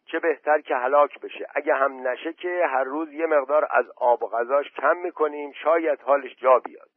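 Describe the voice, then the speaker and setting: A man's voice: fairly high pitch, no echo, pitched above the performer's own voice, close to an everyday voice. A man reading aloud as a blunt, bossy village man in a story, speaking firmly with a raised voice. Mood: insistent. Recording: dry, tinny phone-quality audio.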